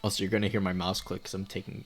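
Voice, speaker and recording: A young man giving let's play commentary on a game, excitable, swearing a lot and laughing often. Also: deep voice, racing, soft background music. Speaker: gaming YouTuber.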